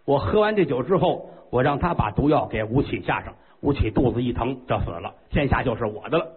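A man's voice: medium pitch, lively intonation, fairly quick, slightly rough, voice pushed down. A man voicing a scheming, arrogant old grand tutor who wants the throne, in a storyteller's tale. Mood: demanding. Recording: tinny phone-like sound.

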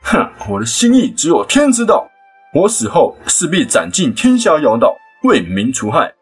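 A man's voice: fairly high pitch, wildly swooping pitch, moderate pace, husky, faint music behind, pitched above the performer's own voice, heavily acted. A man voicing a fierce, proud male scholar who flares into indignant declaiming. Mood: furious.

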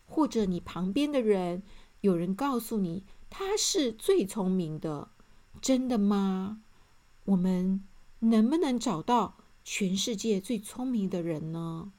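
A woman reading a children's storybook aloud, speaking gently and addressing young listeners directly. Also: mid-range voice, lively intonation, slow.

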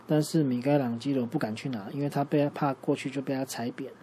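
A man improvising a bedtime story for a child, lively and asking the listener questions along the way. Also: mid-range voice, fast, slight background noise.

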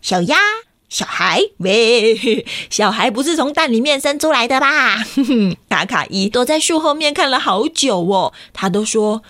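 A woman's voice: on the high side, expressive, unhurried, a bit bright, no room sound. A woman storyteller reading a picture book aloud to children in a playful, sing-song way, often asking them questions.

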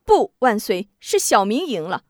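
A woman's voice: on the high side, sing-song, measured pace, no room sound, studio quality. A woman storyteller voicing a clever, humble young male fighter who speaks earnestly and deferentially. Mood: earnest, urgent.

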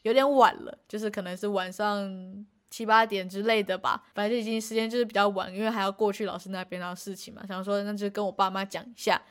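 A woman's voice: mid-range voice, level tone, fast talker, few pauses, a bit bright. A young woman, co-hosting a casual podcast and telling a story in a rambling way, with frequent restarts and acted-out quotes. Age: young adult. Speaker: podcast co-host.

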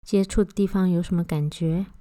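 A woman guiding a body-scan meditation, giving gentle, unhurried instructions with long pauses between phrases. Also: on the low side, steady tone, dry recording. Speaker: meditation guide.

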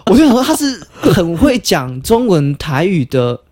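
A podcast co-host with a Taiwanese Mandarin accent speaks slowly in a high-pitched voice. He tells a funny story in casual chat, animated and laughing often.

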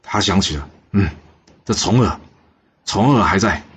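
Low-voiced male storyteller, chatty. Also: a little slow, slightly rough. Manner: lively, chatty asides to the listener. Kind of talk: storytelling narration of history.

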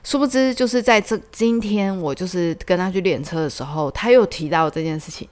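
A woman hosting a casual solo podcast, telling stories in a chatty, animated way with lots of fillers. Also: fairly low pitch, brisk. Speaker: podcast host.

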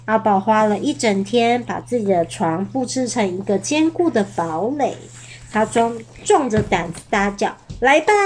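A woman reading a picture book aloud to a child, gentle and unhurried, stopping now and then to ask questions. Her voice sits fairly high, and she takes her time over each phrase. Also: slight background noise. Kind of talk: storybook read-aloud.

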